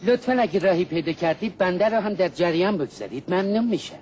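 A man's voice: high-pitched, expressive, darkish tone, a little hiss or hum. An actor playing an overly polite, fretful neighbor man who speaks with formal courtesies.

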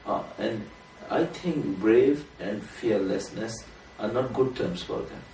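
A man with a fairly low voice delivers an earnest, measured sermon, pressing harder on key points. He sounds set back from the mic in an echoing room, with a faint hiss underneath. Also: a little mellow. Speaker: religious speaker. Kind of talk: sermon to a small gathering. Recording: roomy room from a distance, faint noise.

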